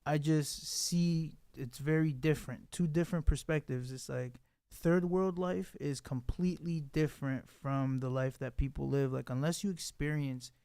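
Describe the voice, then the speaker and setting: A man's voice: a little high, fairly even intonation, moderate pace, vocal fry, mellow, clear, resonant tone, no echo. A man from the Dominican Republic hosting a podcast interview, rambling emphatically with many fillers. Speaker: podcast host. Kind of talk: casual interview chat.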